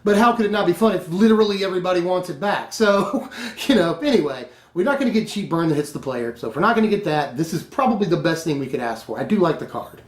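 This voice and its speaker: A man with a fairly high voice chats casually through a card-spoiler review and laughs at himself often. The room around him rings with echo. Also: animated, quick pace. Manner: chatty, laughs often, self-correcting. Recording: echoey room.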